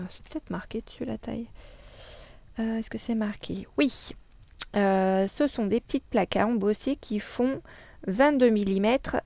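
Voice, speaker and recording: A woman's voice: mid-range voice, a little mellow, dry recording. Chatty woman showing her craft finds. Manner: chatty, many fillers and hesitations. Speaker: scrapbooking vlogger. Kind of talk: casual show-and-tell haul.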